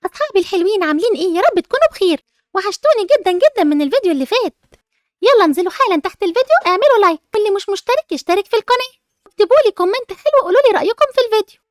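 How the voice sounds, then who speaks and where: A woman channel host with an Egyptian accent urging viewers to like and subscribe, excited and pleading. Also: very high-pitched, rapid-fire, no room sound, clean studio sound. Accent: Egyptian Arabic. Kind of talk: upbeat outro to viewers.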